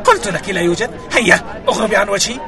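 A man's voice: high voice, fast, over music, a crowd in the background, natural voice. A man acting a harsh, impatient grain seller in a radio drama, curt and scolding. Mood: curt, scornful.

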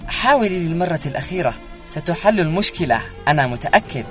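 Man playing a quick-spoken, dignified young king. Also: a little high, expressive, loud music behind the voice, natural voice. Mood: kindly, assured. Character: just, caring young king, calm and dignified. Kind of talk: formal radio drama acting.

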